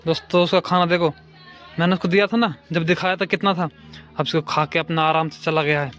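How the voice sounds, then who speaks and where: A young man talking to his viewers in a comic, deadpan village vlog while doing chores at home. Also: on the high side, fairly quick, faint music behind, a faint crowd. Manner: deadpan joking, addresses viewers as friends. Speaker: vlogger. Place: village home, outdoors while washing clothes.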